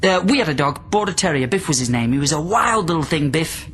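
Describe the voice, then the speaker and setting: A man with a slightly high, bright voice speaks fast with lively intonation. In a radio drama he plays a volatile captive from centuries ago who probes and rambles, veering between tenderness and menace. His mood comes across as coaxing and awkward.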